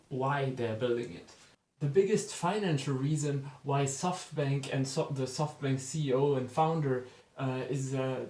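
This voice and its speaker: A man with a mid-range voice hosts a beginner-friendly finance explainer. He talks to his viewers directly in a relaxed, chatty manner. His voice rings in a noticeably roomy, echoing space. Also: medium pitch. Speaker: finance video host.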